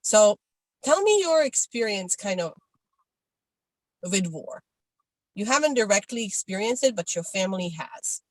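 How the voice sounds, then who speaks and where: A woman's voice: mid-range voice, very animated, unhurried, pauses often, dry recording, poor audio. A middle-aged woman co-hosting a podcast, talking candidly and casually, peppered with "like". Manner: candid, chatty, with frequent "like". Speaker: podcast co-host. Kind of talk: casual conversation.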